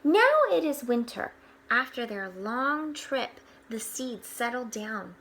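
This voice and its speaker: A woman reading a picture book aloud to children, expressively, pausing for explanatory asides. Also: on the high side, a little hiss or hum, low-quality recording. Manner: expressive, with hushed asides pointing things out.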